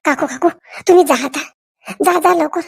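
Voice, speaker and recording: A woman voices a frightened young wife in a cartoon. She speaks, very high and pleading, and keeps her voice low. The sound is dry and close. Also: normal speed, vocal fry, dry recording, heavily acted. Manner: hushed, pleading, nervous. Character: anxious young wife, fearful of in-laws.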